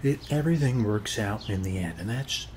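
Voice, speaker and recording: Close to his everyday voice, an ASMR performer speaks at normal speed in a lowish, animated, slightly mellow tone, with a little background noise. Playing a chatty, friendly suburban neighbor in a casual roleplay, he rambles reassuringly and folksily, tagging phrases with "okay?" and similar quick check-ins.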